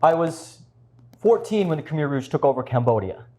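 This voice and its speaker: Male actor as Cambodian refugee father, grave measured storyteller, one-man stage show playing both parts, slightly high voice. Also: lively intonation, a little mellow, a little hiss or hum, close to an everyday voice. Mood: grave, somber. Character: Cambodian refugee father grimly recounting his teenage camp survival.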